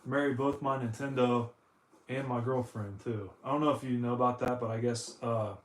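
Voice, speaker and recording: A man's voice: medium pitch, steady tone, normal speed, reverberant. A man from the United States in a casual live-stream chat, rambling and joking, often saying "dude" while he cleans consoles. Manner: rambling, jokey, says "dude" a lot.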